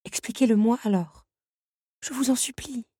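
A woman's voice: moderate pace, warm tone, slightly rough, dry recording, clean studio sound. A woman voicing Belle, a stubborn, fiery young woman, in an audiobook reading. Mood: pleading. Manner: pleading and indignant, raised pitch.

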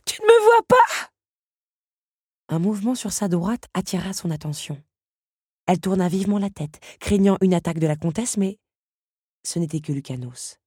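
A woman narrating an audiobook chapter with expressive, dramatic storytelling. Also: fairly low pitch, normal speed, breathy edge, no echo, studio quality.

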